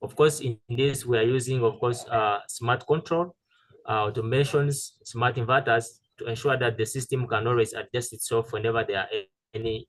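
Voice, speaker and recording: A man giving a halting technical presentation over a video call, with many fillers and restarts. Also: medium pitch, steady tone, rough recording. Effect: heard over a video call. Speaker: presenter pitching a solar tool.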